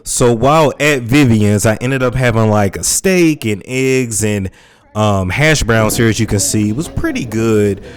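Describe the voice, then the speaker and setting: A man's voice: on the low side, animated, unhurried, crowd noise. A man in his thirties vlogging in a casual, rambling, slangy way, talking straight to his viewers and swearing freely. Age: 30s. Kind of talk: casual vlog chat.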